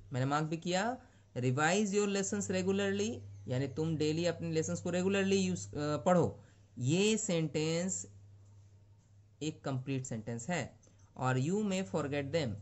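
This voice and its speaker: A male teacher giving a grammar lesson to young students, reading each English example sentence slowly and then explaining it in Hindi. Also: on the high side. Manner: frequent check-ins to the class.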